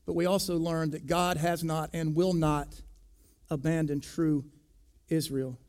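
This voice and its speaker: High-voiced man preaching emphatically. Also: flat delivery, a little slow, a little mellow. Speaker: pastor. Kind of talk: sermon.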